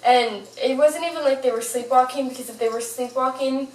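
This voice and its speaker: A young adult woman vlogger tells her viewers a paranormal storytime anecdote in a casual, chatty way. Her high voice stays steady in tone and runs a little fast. The mic sounds distant in a roomy space, with a whirring fan in the background.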